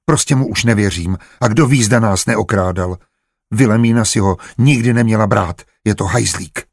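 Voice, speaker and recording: A man's voice: fairly low pitch, dry recording, clean studio sound. A male narrator voicing a stubborn, grumbling farmer who answers curtly and with contempt. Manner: gruff, curt and hostile.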